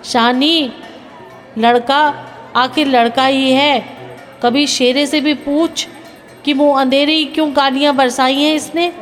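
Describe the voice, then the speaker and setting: Aggrieved young village wife, proud, pleading, done by a woman reader; pitched high. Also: fairly even intonation, slow pace, big-room sound, faint music behind.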